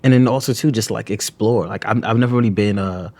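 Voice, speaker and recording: In this interview, the New York poet and author has a slightly mellow voice on the low side. His reflective talk is halting and full of restarts, with "you know what I'm saying" sprinkled throughout.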